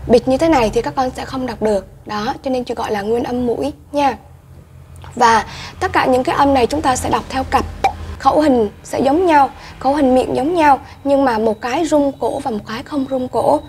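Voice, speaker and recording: A woman teacher with a Vietnamese accent leading a children's pronunciation lesson, modelling each sound slowly and clearly for repetition. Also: high voice, a little mellow, a little hiss or hum.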